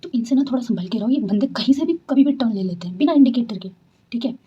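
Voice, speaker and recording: A young woman vlogger from Delhi, telling a personal story to camera in a chatty, animated way at home at night. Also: on the high side, quick pace, slightly rough. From Delhi, India. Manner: chatty, animated, often says "theek hai". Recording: dull lo-fi home recording.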